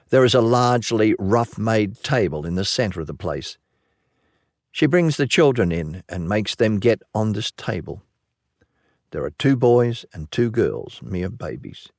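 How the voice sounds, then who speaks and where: A man narrating a classic short story in a dramatic reading, slowing down to stress descriptive phrases. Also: on the low side, no room sound, clean studio sound.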